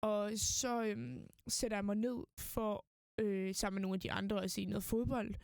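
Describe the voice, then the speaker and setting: A young woman speaking as a podcast guest, recounting events in a loose, rambling way with lots of fillers and quoted inner thoughts. Her voice sits at an ordinary middle pitch. The sound is dry and close, with no room echo. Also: vocal fry, a little mellow. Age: young adult. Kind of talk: casual storytelling interview.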